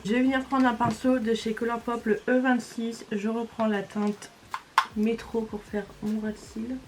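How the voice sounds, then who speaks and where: A woman's voice: on the high side, level tone, normal speed, noisy background. Chatty woman doing a makeup tutorial. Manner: casual, chatty, talks through each step. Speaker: beauty vlogger.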